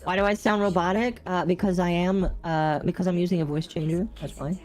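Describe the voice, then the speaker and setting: Woman game streamer, low voice, robotic voice changer, chatty amused commentary, faint music behind. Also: steady tone, brisk, a little mellow. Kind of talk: casual live-stream chat while gaming.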